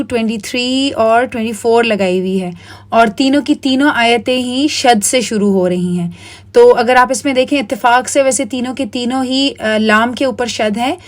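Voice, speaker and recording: Woman teacher, Pakistani Urdu accent, slightly high voice, patient explainer who mixes in English words. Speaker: Quran recitation teacher. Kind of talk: recorded online lesson over slides.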